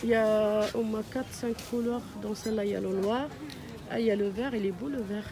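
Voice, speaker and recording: A woman with a North African Arabic accent speaks French in a high-ish voice, talking fast in a steady tone. She vlogs casually around an outdoor seaside street market, chatting as she shows clothing stalls and switching between French and Maghrebi Arabic.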